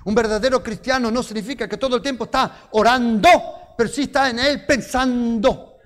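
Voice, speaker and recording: Male preacher, very high voice, storytelling sermon, rhetorical questions, humorous. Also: fairly quick, fairly bright tone.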